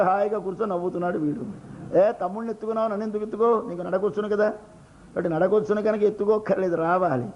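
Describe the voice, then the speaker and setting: A man's voice: high voice, darkish tone, muffled recording. An older man with a Telugu accent delivering a devotional sermon, explaining by asking and answering his own questions and acting out little everyday scenes. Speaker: religious discourse speaker.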